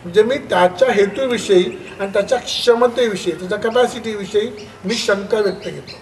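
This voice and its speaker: A man with a very high voice gives a public talk to parents at a school. He tells stories in a lively way and acts out the voices of parents and children. The mic sits far from him, and clear background noise runs under his voice. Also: a little fast. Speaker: education speaker. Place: school hall.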